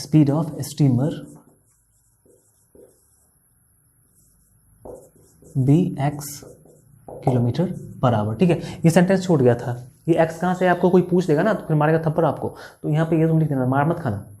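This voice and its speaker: A young adult man with an Indian accent, a maths tutor explaining word problems in a chatty, teasing way, tired and speaking softly. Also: fairly high pitch. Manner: chatty, teasing, talks straight to students, reads problem text aloud slowly. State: tired, speaking softly after a full day of recording. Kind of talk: casual classroom explanation while writing on a board.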